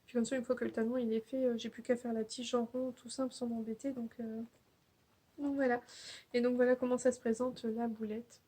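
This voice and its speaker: A woman's voice: on the high side, level tone, brisk, warm tone, husky. A young woman hosting a knitting podcast, chatting casually and hesitantly, with many fillers and restarts. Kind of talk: casual show-and-tell chat.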